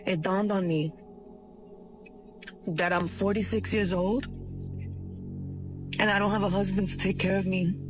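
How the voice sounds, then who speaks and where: A woman's voice: medium pitch, steady tone, unhurried, long pauses, music in the background. A woman in her forties speaking candidly and tearfully in a confessional vlog. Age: 40s.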